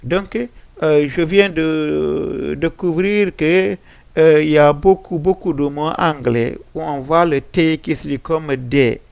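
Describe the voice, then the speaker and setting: A man with a West African French accent walks learners through English sounds at a slow, deliberate pace. His voice is gravelly and he stops often with fillers. He repeats each example word several times, and the recording is dry and close. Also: a little high, steady tone, no echo. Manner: frequent hesitation fillers. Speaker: teacher. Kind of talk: French-language pronunciation lesson on English sounds.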